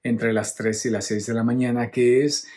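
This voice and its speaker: A man's voice: mid-range voice, flat delivery, normal speed, a little mellow. A middle-aged man, a priest preaching a homily on a Bible reading. He explains each point patiently and keeps checking in with his listeners. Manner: teacherly, often checks in with the listeners.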